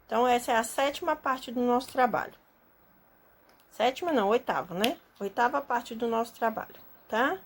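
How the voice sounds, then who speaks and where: A woman teacher slowly explaining a homework assignment to her students step by step, often checking that they understand. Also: fairly high pitch, slight background noise. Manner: slow and patient, explaining step by step with many checks. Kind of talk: recorded remote class lesson.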